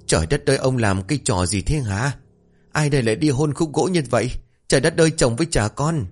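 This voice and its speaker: A man's voice: medium pitch, brisk, soft background music, voice pushed up, natural voice. A man voicing a middle-aged village wife who nags and scolds her husband in exasperation. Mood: scolding. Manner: exasperated, nagging, shouting insults.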